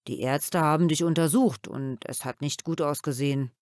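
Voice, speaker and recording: A woman voicing a gentle, thoughtful father who talks calmly and a little sadly, in a children's audiobook. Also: low-pitched, moderate pace, no echo, studio quality. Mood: reflective. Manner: calm, reflective storytelling.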